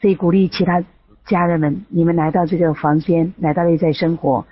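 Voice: mid-range voice, steady tone, brisk, no room sound. A host of an online prayer room giving closing remarks after the testimonies. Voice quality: very husky. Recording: muffled lo-fi online voice chat.

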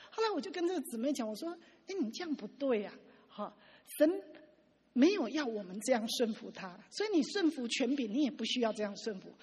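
A woman preaching a sermon, telling stories with lively acted-out dialogue. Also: sits high, slightly rough. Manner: lively storytelling, acting out quoted dialogue. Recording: long hall reverb.

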